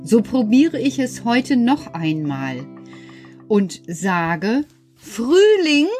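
A woman's voice: medium pitch, sing-song, drawn-out words, warm tone, soft background music. A woman presenting for children, chatting casually and explaining plants simply. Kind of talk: casual chat.

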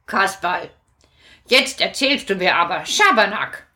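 A woman voicing a kind, fussy old grandmother who scolds gently in a children's story. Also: medium pitch, lively intonation, a little slow. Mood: scolding.

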